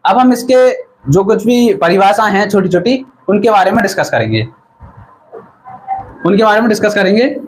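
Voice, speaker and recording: A man with a fairly high voice teaches a physics class during an online stream. He asks a question, then answers it himself and says the term again for the viewers to note down. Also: animated, moderate pace, pauses often, soft background music, poor audio. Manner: repeats key terms and quizzes the viewers. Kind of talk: live online lesson.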